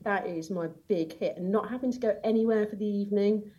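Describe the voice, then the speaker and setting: A woman's voice: mid-range voice, brisk, dark tone, dull audio. A woman chatting as a podcast guest, enthusiastic and giggly, rambling with many restarts. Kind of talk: casual interview chat.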